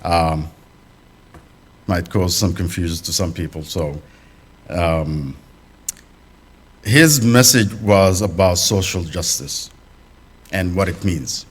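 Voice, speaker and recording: A man with a deep, low voice addresses a congregation as a guest speaker. He talks in an unhurried way, pausing on fillers and restarting phrases. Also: husky. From Sudanese family, raised in the UAE. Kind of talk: talk at a congregation. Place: fellowship hall.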